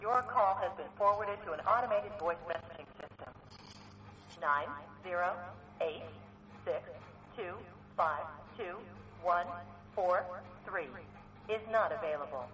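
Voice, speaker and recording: Man, automated answering machine message, clipped recorded announcer delivery, high voice, lo-fi phone sound. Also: a little slow, pauses often, pushed and bright. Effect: answering machine message heard over a phone line. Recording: dull lo-fi phone playback.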